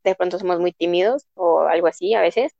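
A woman's voice: fairly low pitch, brisk, vocal fry, dark tone, no room sound, lo-fi sound. A woman with a Bogotá accent, a podcast guest chatting casually, hesitant with many fillers. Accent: Bogotá Spanish. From Bogotá, Colombia.

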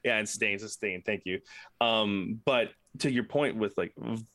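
A man's voice: lowish voice, moderate pace, a bit bright, dry recording, clean studio sound. A man chatting casually on a podcast, rambling with frequent restarts and swearing freely.

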